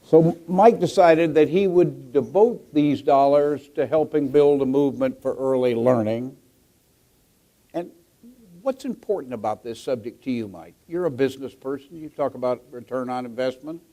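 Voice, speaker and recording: Measured American man hosting on stage. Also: medium pitch, mellow. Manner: measured, rhetorical, repeats phrases for emphasis. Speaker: event host and interviewer. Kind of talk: onstage introduction and interviewing. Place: on stage at a luncheon event.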